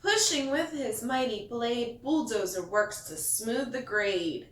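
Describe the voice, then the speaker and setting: Slow, higher-voiced woman reading in an echoey room. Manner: expressive sing-song reading, stressing rhymes. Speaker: teacher reading a picture book to children. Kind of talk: bedtime story read-aloud with asides to young listeners. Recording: echoey room, distant mic.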